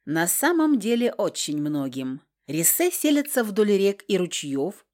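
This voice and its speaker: A woman's voice: mid-range voice, very animated, measured pace, a little mellow. A woman voicing a protective nonhuman man who patiently explains things to his companion.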